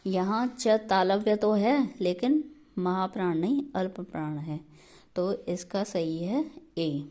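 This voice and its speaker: A woman's voice: medium pitch, takes it slowly, mellow. A woman teaching an exam prep grammar lesson, explaining patiently step by step and checking in often.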